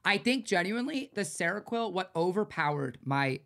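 A man's voice: high-pitched, big pitch swings, normal speed, gravelly, sharp tone. A man co-hosting a podcast in casual chat, teasing and joking, with some swearing. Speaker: podcast co-host.

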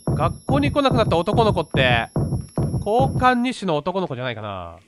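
A man's voice: high-pitched, wildly swooping pitch, normal speed, over loud music. A man casually commentating a horror game, talking to himself and reading screen text aloud. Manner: talks to himself, narrating each step. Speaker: gamer playing a horror game.

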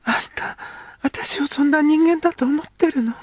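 A man doing a young edo girl, breathy and earnest. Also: very high voice, normal speed, no echo, pitched above the performer's own voice. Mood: pleading, earnest. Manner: pleading, breathy half-whispers. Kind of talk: audiobook character voice.

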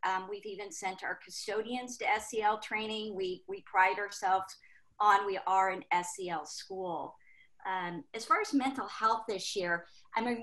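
A woman's voice: mid-range voice, a bit bright, rough recording. Woman, school nurse, conversational panelist on a video call, lots of fillers.

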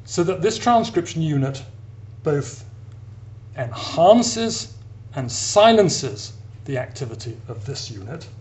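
An academic lecturer gives a science explanation, speaking in a measured, deliberate way with pauses between phrases. His voice is on the high side with big pitch swings and a darkish tone, and clear hiss and hum run through the recording.

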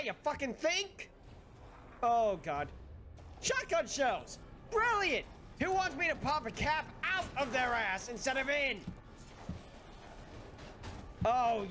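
A game streamer commentating live gameplay, excitable, swearing a lot and yelling at the game. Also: high-pitched, unhurried, slight background noise.

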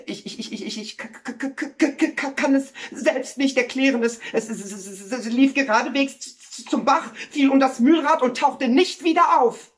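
A man voicing an excitable neighbor who stammers and repeats words in a high, agitated voice. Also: normal speed, few pauses. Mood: excited.

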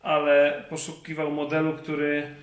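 A young man reviewing skis in a shop, explaining in a measured way and pausing to find his words. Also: on the high side, monotone. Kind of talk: product review. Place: ski shop, indoors. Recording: echoey shop with faint music.

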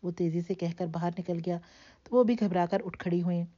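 A woman narrating a novel aloud in an even, steady storytelling manner. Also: lowish voice. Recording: dull lo-fi recording.

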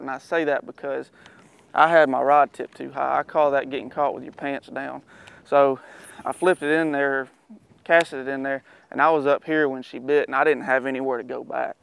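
Smooth-voiced man teaching fishing outdoors. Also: mid-range voice, no echo. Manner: easygoing, excited, talking while fishing. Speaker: fishing show host. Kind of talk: casual on-the-water fishing instruction. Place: outdoors on a boat on a pond.

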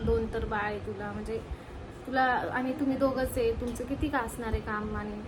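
A woman's voice: a little high, fairly even intonation, fairly quick. A young woman and mother talking casually on her home vlog, chatty, venting to the camera and coaxing her toddler. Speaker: mother and family vlogger. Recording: home recording with background noise.

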